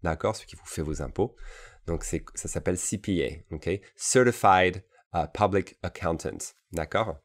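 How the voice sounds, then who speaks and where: A man teaching English to French speakers, explaining in French, then saying each English phrase slowly and repeating it, with frequent casual checks. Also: sits low. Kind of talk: bilingual language lesson.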